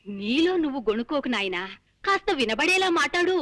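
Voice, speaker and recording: A woman's voice: high-pitched, very animated, fairly quick, a bit bright. An actress playing an ailing elderly mother, hard of hearing, who talks in a plaintive, complaining way in a film comedy. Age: older. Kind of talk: 1980s film comedy dialogue.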